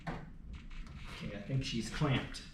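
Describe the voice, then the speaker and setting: A folksy car repair vlogger speaks slowly in a mid-pitched voice, unscripted and casual as he works. He mutters to himself between explanations to the camera. The recording is roomy and noisy, with clicking and the mic distance wandering.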